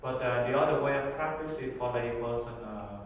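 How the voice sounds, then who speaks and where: In an echoey hall with the mic well away from him, a Buddhist monk with a Vietnamese accent answers interview questions, and there's faint noise. His mid-range male voice has its highs cut off. He keeps his English simple and halting, with many pauses and fillers.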